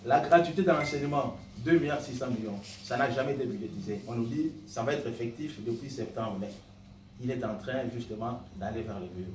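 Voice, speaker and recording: Animated and fairly quick, this mid-range male voice belongs to a party member giving an earnest, argumentative speech on the spur of the moment from the meeting floor. It was captured indoors by a far-off mic, amid the clamor of a roomy hall.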